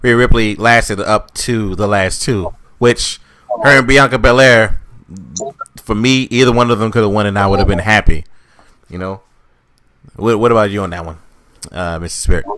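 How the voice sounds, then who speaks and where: Low-voiced dude rambling and cussing on a podcast, dry close mic. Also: male voice, fairly even intonation, normal speed, pauses often, fairly bright tone, no echo. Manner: profane, rambling, laid-back. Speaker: podcast co-host. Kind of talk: casual chat.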